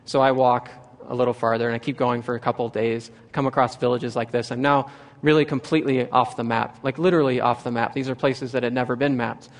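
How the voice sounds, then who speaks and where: An earnest young man from Nebraska tells a personal story in a talk. His voice sits at a middle pitch. He often restarts phrases and goes higher when he quotes what others said. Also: fairly even intonation, fast. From Nebraska, USA. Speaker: speaker giving a talk.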